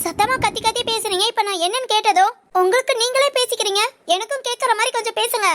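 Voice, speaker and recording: A woman's voice: very high voice, fast, heavy background noise. A woman voicing an audio drama, speaking in an accusing, emotional way. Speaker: storyteller voicing all parts.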